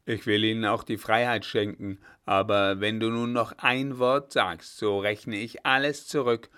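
Man voicing a gruff old field marshal, booming and scolding, storybook reading, low voice. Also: takes it slowly, fairly bright tone. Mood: blustering. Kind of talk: audiobook reading.

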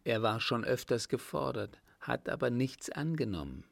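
A man's voice: medium pitch, animated, moderate pace, creaky, dry recording. A man reading an earnest young French mademoiselle.

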